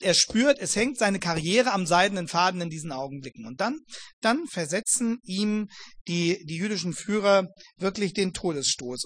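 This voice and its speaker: Preacher, male, high voice, dry close sound; sermon delivery full of rhetorical questions and restarts. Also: a bit bright, dry recording. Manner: rhetorical questions, frequent word repeats; addresses listeners formally. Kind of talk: sermon expounding a Bible passage.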